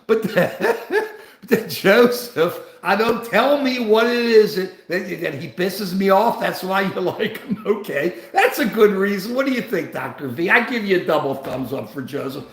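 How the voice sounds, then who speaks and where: A man's voice: sits high, a little slow, echoey room. Older man ranting on a livestream. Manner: rambling, repetitive and animated. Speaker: livestream host. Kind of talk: political livestream commentary.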